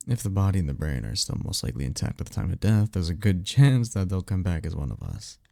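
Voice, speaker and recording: For a roleplay audio, a man plays a cocky vampire mentor, his deep, gravelly voice close on a dry recording with no room sound. He's easygoing and teasing, slangy and offhand like a former archmage, talking fast in a warm, sing-song, exaggerated voice with a wry, reflective mood.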